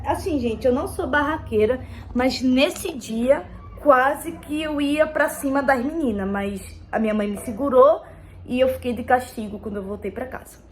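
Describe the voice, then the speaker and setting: A high, youthful girl's voice chatting into her phone as she does her makeup. She rambles and circles back to the same points, calling out to her viewers every few lines. The talk is loose and casual, the way a personal vlog sounds. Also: normal speed, slight background noise. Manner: rambling, repeats herself, keeps addressing viewers as "gente". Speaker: vlogger. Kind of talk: casual storytelling while doing makeup.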